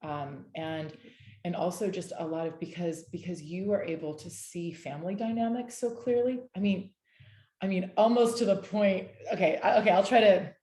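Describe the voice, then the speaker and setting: A woman in her forties with a lowish, mellow voice leads a casual discussion over a video call. She talks earnestly and rambles, with frequent restarts and soft affirmations. Her voice comes through an echoey room. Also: steady tone, normal speed. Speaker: discussion leader.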